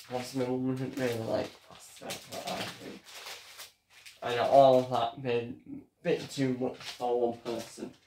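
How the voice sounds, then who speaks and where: Slow-talking young man cooking at home. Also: mid-range voice, a little hiss or hum. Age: young adult. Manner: halting, chatty, talks while cooking. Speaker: home cooking show host. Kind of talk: casual cooking vlog. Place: small home kitchen, indoors. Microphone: fixed camera across the room. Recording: echoey kitchen, voice from far off.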